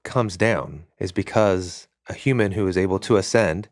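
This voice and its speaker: A man's voice: sits low, normal speed, no room sound, clean studio sound. A man co-hosting a podcast, affirming his partner's points and reading the closing announcements. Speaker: podcast co-host. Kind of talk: casual discussion and show outro.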